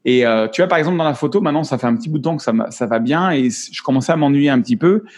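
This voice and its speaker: A man's voice: mid-range voice, lively intonation, rapid-fire, darkish tone. Guy in his 40s, interview guest, talks openly, keeps tripping and restarting words, mid voice. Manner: frank, repeats and restarts words often. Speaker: photographer and actor guest. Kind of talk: casual interview chat.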